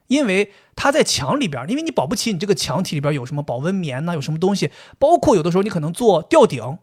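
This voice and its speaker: A man co-hosting a casual podcast, telling a story in an animated way and laughing often. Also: a little high, husky. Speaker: podcast co-host.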